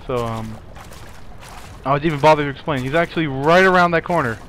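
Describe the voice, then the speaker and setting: Young guy rambling through a horror game, kinda high voice, yelps when spooked, faint hum behind. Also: brisk, a bit bright. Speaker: let's play host. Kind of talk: casual gameplay commentary.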